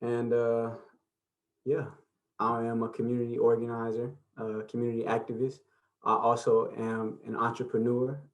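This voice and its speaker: Over a video call, a man in his twenties presents an online workshop, facilitating in a relaxed, easygoing way with many fillers. His voice is mid-range with a darkish tone.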